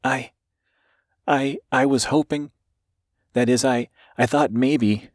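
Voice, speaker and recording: A man voicing a nervous, breathy young woman client who stammers and hesitates in an audiobook reading. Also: medium pitch, steady tone, slow pace, no echo, clean studio sound, voice pushed up, close to an everyday voice. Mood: flustered.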